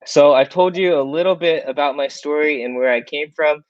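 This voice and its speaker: A man's voice: on the high side, normal speed, no echo, highs cut off. A young man giving a casual webinar presentation in a chatty, upbeat way with plenty of fillers. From born in South Korea, raised in Iowa, USA. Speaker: guest presenter.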